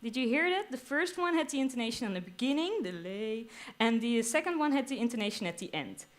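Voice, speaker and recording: A woman's voice: sits high, big pitch swings, fast talker. A young adult woman presents her research on stage at a science slam. She explains with enthusiasm and drops playful quoted asides. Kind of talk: lively explanatory stage talk. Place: live stage at a theater venue.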